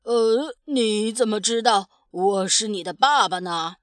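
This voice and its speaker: A woman's voice: medium pitch, dry recording, clean studio sound, lightly acted. Woman playing a hesitant tyrannosaurus dad. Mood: flustered. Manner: hesitant, with many drawn-out "uh"s. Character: gruff yet tender tyrannosaurus father figure.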